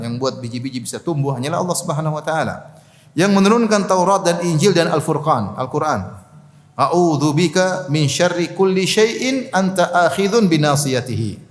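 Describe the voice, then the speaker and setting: A man giving a religious study lecture, reciting Arabic prayers line by line, translating them and joking with his listeners. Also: on the high side. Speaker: Islamic preacher. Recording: echoey hall with long reverb.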